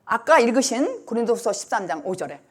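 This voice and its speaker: High, animated woman pastor preaching. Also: brisk, husky. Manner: emphatic, lively preaching that acts out the blind man's cries. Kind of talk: sermon.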